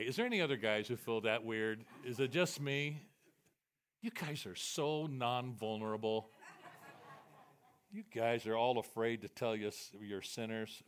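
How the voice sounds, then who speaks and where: A male preacher giving a sermon to a congregation, animated and self-deprecating, switching between loud emphatic bursts and quiet confessional asides. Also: mid-range voice. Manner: animated and self-deprecating, quoting God and Jesus in a raised voice. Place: church, before a live congregation.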